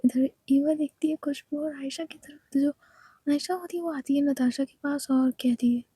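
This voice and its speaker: A woman narrating a romance story in a soft, hushed way, recorded close to the mic. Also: sits high, steady tone, normal speed, no room sound.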